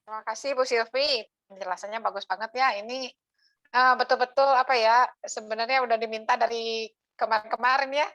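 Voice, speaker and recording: A woman taking part in an online training session, speaking haltingly with many hesitant fillers. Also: on the high side, fairly even intonation, a bit bright, dry recording. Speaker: training participant. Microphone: video call. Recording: dull lo-fi video call audio.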